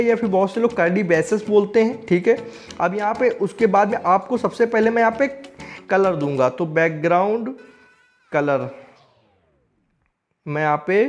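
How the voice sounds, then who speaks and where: A young man explaining a coding tutorial step by step, often checking in with the viewer as he works on screen. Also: high voice.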